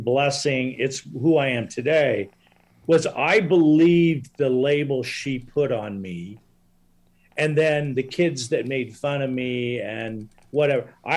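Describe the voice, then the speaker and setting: A man who works as a life coach, a guest in a casual interview, talking in an earnest, reflective way. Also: mid-range voice.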